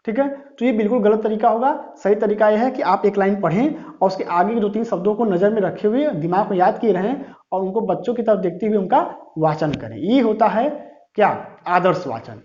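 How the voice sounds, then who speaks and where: Male teacher, lively pitch, asks and answers own questions, lecture style, dull lo-fi recording. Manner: says "thik hai" often. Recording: dull lo-fi sound.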